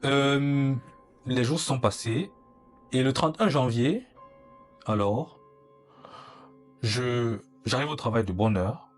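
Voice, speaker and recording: A man's voice: mid-range voice, takes it slowly, long pauses, faint music behind. A young man, earnestly telling a personal story in an interview and acting out the dialogue. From Cameroon. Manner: earnest, recounting, acts out dialogue.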